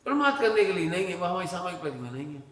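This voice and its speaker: High-voiced male preacher in an echoey hall. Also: very animated, racing, a crowd in the background. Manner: storytelling with acted dialogue. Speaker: Jain preacher. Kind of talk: religious discourse. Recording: echoey hall reverb, faint ambience.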